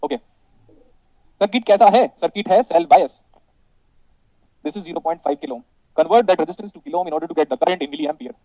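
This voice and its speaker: A man with an Indian accent teaching electronics in a classroom, mixing Hindi and English. He calls his students "beta", checks often whether things are clear and jokes with them. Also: fairly high pitch, takes it slowly, pauses often, warm tone, dry recording, low-quality recording.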